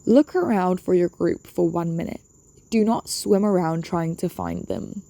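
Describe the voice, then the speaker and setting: A woman presents a safety briefing in a relaxed, mellow voice with noticeable creak. Her instructions are polite, firm and laid out step by step. The sound is dry and close, like narration for a training video. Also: lowish voice, a little slow, no room sound.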